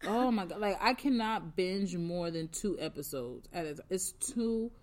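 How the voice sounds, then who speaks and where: A woman co-hosting a casual podcast chat, blunt and animated in her reactions. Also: lowish voice, normal speed. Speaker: podcast co-host.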